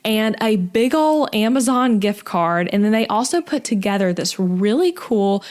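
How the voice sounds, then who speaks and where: A woman's voice: medium pitch, expressive, unhurried, darkish tone. A young woman hosting a podcast, gushing and chatty, with many fillers like "um" and "like". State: pregnant. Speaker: podcast host. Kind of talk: casual interview and podcast intro.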